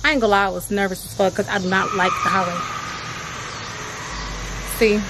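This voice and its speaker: In this very noisy clip, a twenty-year-old woman talks a little fast in a medium-pitched, fairly even voice during an excited, casual vlog. Chatty, bubbly and freely profane, she speaks into a phone camera held at arm's length, moving from a small home bathroom to outside by a car.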